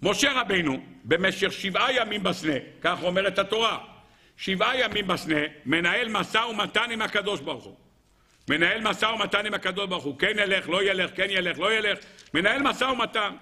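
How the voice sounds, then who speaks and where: A man, a rabbi, giving a Torah lecture in an animated way, asking rhetorical questions and speaking directly to his listeners. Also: high-pitched.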